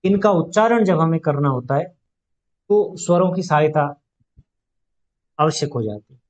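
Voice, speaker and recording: Mellow-voiced male grammar teacher. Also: sits high. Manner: explains patiently, poses rhetorical questions, stretches vowels to demonstrate. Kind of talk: classroom grammar lesson. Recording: dull, lo-fi classroom recording.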